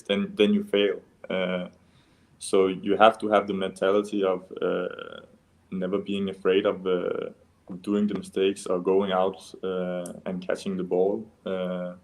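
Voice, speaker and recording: Low flat-voiced man, hesitant. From Denmark. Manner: hesitant, many fillers and restarts. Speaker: interview guest, goalkeeper. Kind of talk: casual interview answers.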